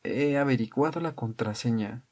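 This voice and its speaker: A man voicing an anguished teenage girl confronting her parents, speaking in a tense, shaken, quietly accusing way. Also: mid-range voice, normal speed, natural voice.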